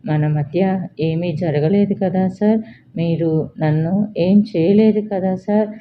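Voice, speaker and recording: A woman's voice: fairly low pitch, slow pace, noisy background. A woman voicing a distraught young woman, accusing. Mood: frightened pleading. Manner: pleading, accusing. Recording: slightly dull lo-fi.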